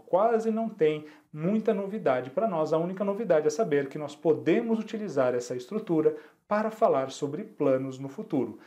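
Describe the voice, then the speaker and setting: A Brazilian man teaching an online English lesson, repeating each example slowly and checking in with his students often. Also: on the high side, dark tone. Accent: Brazilian Portuguese.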